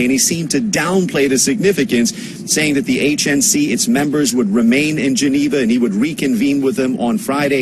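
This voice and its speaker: A man's voice: medium pitch, noisy background. A man reporting live as a correspondent for a breaking news bulletin.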